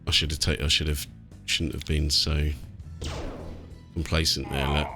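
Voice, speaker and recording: A British man with a bass voice commentates casually on gameplay as a let's play host, trading blokey, sweary banter at a measured pace and in a level tone. He's in a small, warm indoor room with game music behind him.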